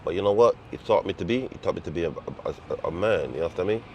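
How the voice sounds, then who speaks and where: A Barbadian man from Barbados, a construction worker talking casually in an interview, animated and repetitive, outdoors on a city work site. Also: deep voice, racing, a little hiss or hum, poor audio. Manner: animated, repetitive, laughs while telling stories.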